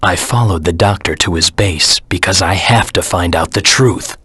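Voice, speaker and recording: A man voicing a brooding, stern hedgehog antihero in a video game, with a raspy, serious, clipped delivery. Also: moderate pace, pushed and bright, no room sound, full character voice. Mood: brooding, matter-of-fact. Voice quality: raspy, gravelly low voice. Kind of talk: scripted video game character lines, mission recaps.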